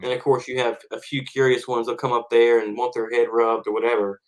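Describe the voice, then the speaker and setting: A man's voice: mid-range voice, level tone, brisk, poor audio. A man, a farmer guest on a podcast, explaining and telling stories casually.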